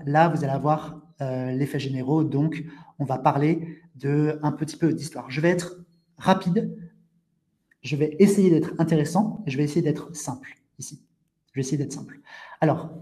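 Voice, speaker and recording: A man hosting a live online language webinar, explaining things slowly with frequent restatements and talking to viewers in the chat. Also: fairly high pitch, mellow. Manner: interactive, addresses viewers in the chat. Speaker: French teacher hosting a webinar.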